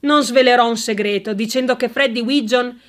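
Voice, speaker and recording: A woman narrates a humorous audiobook in a high, clear voice. Her reading is lively and expressive, and each phrase is well shaped. The narration is steady and scripted. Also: moderate pace.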